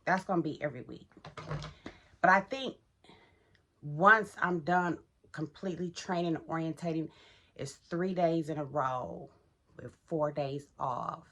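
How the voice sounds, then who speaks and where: A woman's voice: low-pitched, unhurried, pauses often, pushed and bright. A middle-aged woman vlogging casually while getting ready, chatty and talking to viewers as y'all, in a groggy morning voice. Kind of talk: casual get-ready-with-me vlog.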